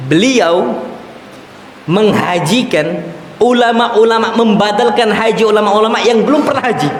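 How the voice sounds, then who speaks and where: A man preaching a sermon in a mosque, telling stories and asking his audience questions he answers himself. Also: high-pitched. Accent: Indonesian, South Sumatran. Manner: lively storytelling, asks and answers his own questions. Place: large mosque hall. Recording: echoey hall, faint room hum.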